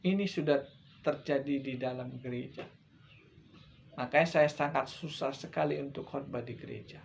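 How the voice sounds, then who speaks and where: A man's voice: mid-range voice, normal speed, vocal fry, a little hiss or hum. A middle-aged man preaching a sermon as an evangelist, blunt, emphatic and repetitive.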